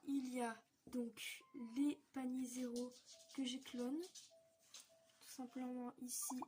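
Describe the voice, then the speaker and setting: A woman's voice: sits high, darkish tone, slight background noise. A young woman from France walking viewers through a game hack in a casual, hesitant tutorial full of fillers. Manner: chatty, hesitant with many fillers. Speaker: gaming tutorial youtuber. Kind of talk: casual screen-recorded tutorial.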